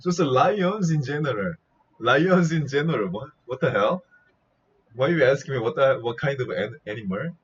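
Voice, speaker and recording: A man's voice: medium pitch, expressive, moderate pace. A young man with a Korean accent hosting a live animal sound guessing game, teasing his viewers, laughing a lot and imitating animal calls. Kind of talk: playful live chat with viewers. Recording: slightly dull lo-fi stream audio with faint noise.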